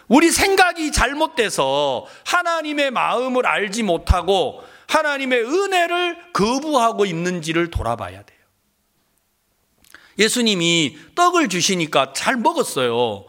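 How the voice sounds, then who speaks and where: Guy pastor preaching, really high voice that swings all over, tells the bible story like he's chatting with you. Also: moderate pace. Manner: animated, retells scripture with playful asides. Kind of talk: sermon storytelling.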